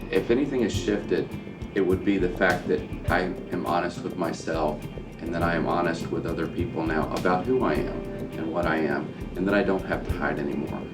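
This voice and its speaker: A man with a very deep voice speaks calmly and candidly. He sounds set back from the mic in a roomy space. Loud music plays over him. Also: fairly quick, distant mic. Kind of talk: documentary interview.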